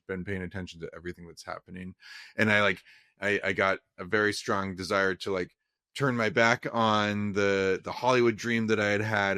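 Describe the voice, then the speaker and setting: A young Californian film director talks casually in an interview, rambling with frequent restarts and fillers. His voice sits low and is a bit bright, recorded with studio quality and no echo.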